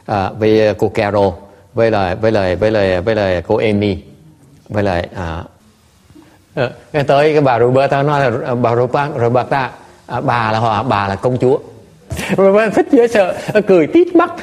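A man, a Buddhist monk teacher, telling stories to listeners in an animated, laughing way with many stammered repeats. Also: medium pitch, brisk. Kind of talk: storytelling talk to listeners.

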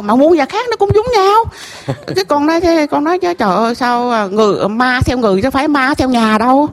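A middle-aged woman with a Southern Vietnamese accent gives an emotional personal testimony to a temple master. Her voice sits a little high for a woman. She talks in halting, repeated phrases, with an earnest, confiding manner. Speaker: temple visitor telling her story.

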